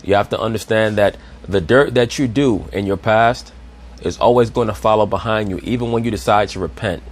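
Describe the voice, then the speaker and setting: A man's voice: lowish voice, fairly quick. A man giving a preachy commentary monologue, addressing listeners as brothers and asking rhetorical questions. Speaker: online commentator.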